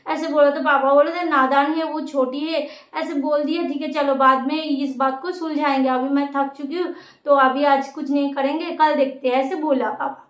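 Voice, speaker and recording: A woman vlogger telling a family story in a casual, rambling way, with many pauses and restarts. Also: high-pitched. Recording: echoey room.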